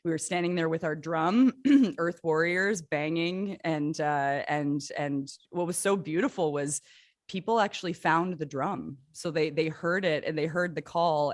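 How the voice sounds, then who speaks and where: A woman talking as a podcast guest, laughing often and speaking earnestly and warmly about her experiences. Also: low voice, no echo, studio quality. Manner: laughs often, earnest and heartfelt when recounting. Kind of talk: casual chat and personal storytelling. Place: Hamilton, Ontario.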